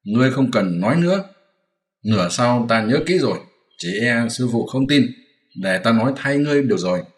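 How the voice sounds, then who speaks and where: A man voicing a sharp, mocking monkey-king disciple who teases and scolds, in a storybook reading. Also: mid-range voice, animated, fairly quick, natural voice. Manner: scolding, teasing, commanding. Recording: roomy echoey room.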